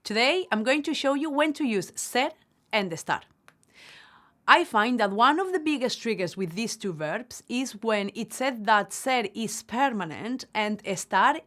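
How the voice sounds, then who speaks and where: A woman Spanish teacher giving a language lesson, repeating each phrase slowly and clearly. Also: medium pitch, a bit bright. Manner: slow, carefully enunciated repetition of phrases.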